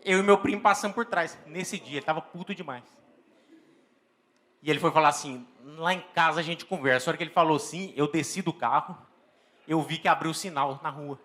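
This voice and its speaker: A Brazilian man with a Brazilian Portuguese accent doing stand-up comedy and telling an animated story on a live stage, with exaggerated exclamations and acted-out scenes. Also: a little high, brisk. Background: faint audience laughter.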